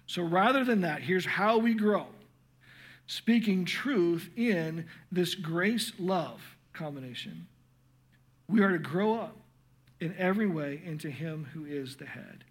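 A middle-aged man teaching parents in an earnest, passionate sermon, stumbling over restarts, his voice growing hoarse. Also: high voice, animated, a little slow. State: losing his voice.

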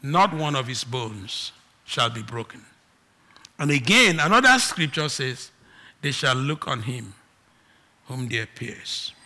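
A Nigerian man with a Nigerian accent preaches a sermon, swinging between loud, emphatic declarations and quiet asides. His mid-range voice is sing-song and slow, and he pauses often.

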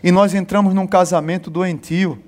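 High-voiced pastor preaching. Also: male voice, fairly even intonation. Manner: emphatic, talks to the congregation, slows on key phrases. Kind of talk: sermon.

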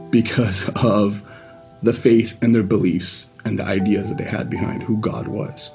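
A man from Iran shares his personal faith testimony with a church group, speaking casually and loosely with frequent pauses and restarts. His voice is medium-pitched and a little mellow.

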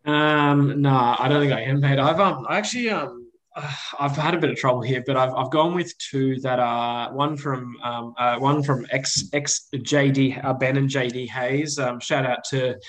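An Australian man talks through his betting picks in a medium-pitched voice. He is laid-back and slangy, feeling his way hesitantly through casual, unscripted commentary. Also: fairly even intonation, normal speed, fairly bright tone, poor audio. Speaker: horse racing tipster.

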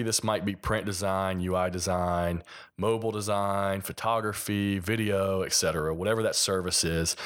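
A deep male voice carries a gentle Kentucky Appalachian accent. He talks as a podcast host on his own, explaining ideas in a conversational way and walking through examples. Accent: mild Kentucky Appalachian. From Kentucky, United States. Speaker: podcast host and sports designer. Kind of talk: solo podcast monologue, explanatory.

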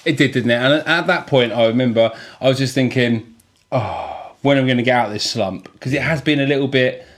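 A man co-hosting a casual football podcast, chatty and quick to laugh. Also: mid-range voice. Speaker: podcast co-host.

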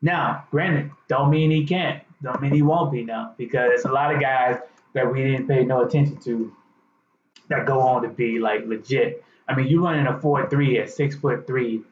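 A man's voice: medium pitch, moderate pace. Opinionated American man debating sports, echoey room. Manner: opinionated, informal, slangy. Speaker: sports podcast co-host. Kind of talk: casual barbershop-style sports debate. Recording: echoey, slightly dull, noisy.

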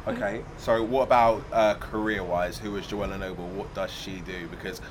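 A man's voice: lowish voice, fairly even intonation, moderate pace. A man interviewing someone casually, chatty and affirming, often echoing what he hears. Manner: chatty, affirming, echoes the guest's words. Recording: busy crowd chatter behind.

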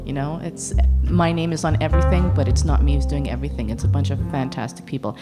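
Lowish-voiced woman giving a talk at a uni event, blunt, sarcastic, acts out who said what. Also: steady tone, fast, loud music behind the voice. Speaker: invited speaker at a public talk. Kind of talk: public talk. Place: university lecture event.

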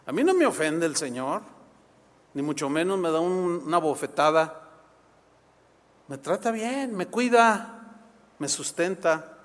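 A man preaches in a high, bright-pitched voice, lively and chatty, tossing off quick asides to the congregation. His words ring out with a long reverb from the church hall around him. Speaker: pastor. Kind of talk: sermon. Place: church sanctuary.

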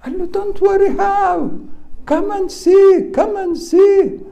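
A man voicing a frightened young male servant, crying out in a high, panicky voice. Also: takes it slowly, gravelly, mellow, dull audio, heavily acted.

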